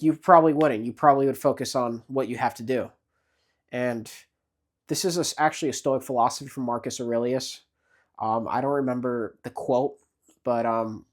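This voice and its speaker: A man in his late twenties giving casual motivational advice, rambling with many fillers and restarts. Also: mid-range voice. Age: 20s. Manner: frequent restarts and repeated words. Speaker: vlogger.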